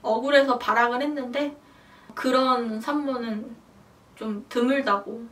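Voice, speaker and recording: A young woman tells a personal story in a relaxed, chatty vlog. Her voice sits a little high and she acts out her own past lines with animated bursts. The recording has her a bit away from the microphone. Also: moderate pace, far from the mic. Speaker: vlogger. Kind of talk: casual storytelling to camera.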